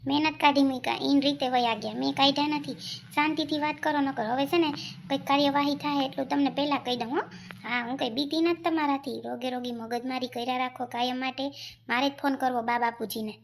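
A woman's voice: high voice, steady tone, gravelly, a little hiss or hum. A woman plays a fed-up village wife in a comedy sketch, scolding and nagging her husband. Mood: angry. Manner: scolding, nagging, rapid complaints. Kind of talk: comic village sketch acting.

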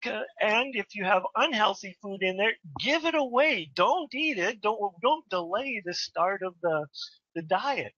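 A woman's voice: medium pitch, animated, unhurried, fairly bright tone, breathy edge, no echo. A woman hosting a spiritual interview, asking earnest questions and often restarting her sentences. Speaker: host. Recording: dull, muffled lo-fi sound.

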